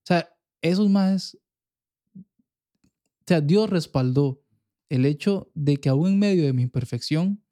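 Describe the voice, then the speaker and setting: Earnest young Costa Rican man, dark tone. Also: fairly high pitch, lively intonation, slow, long pauses. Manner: earnest, keeps checking in with "you get me?". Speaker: podcast co-host. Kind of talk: casual faith podcast chat.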